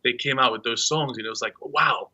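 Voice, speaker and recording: A young man with an English accent chats about his band in a bright, forward voice. He rambles freely and laughs often, keeping the tone light. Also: mid-range voice, fairly even intonation, fast talker, dull audio. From England. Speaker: band member, guest. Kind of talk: casual chat.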